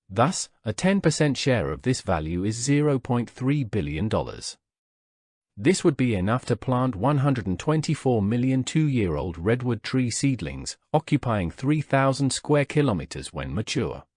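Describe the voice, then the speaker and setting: Man giving a lively, measured lecture. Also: mid-range voice, dry recording, studio quality. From Slovakia. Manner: measured, deliberate delivery with rhetorical questions. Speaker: lecturer, vice president of a research institute. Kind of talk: prepared conference lecture.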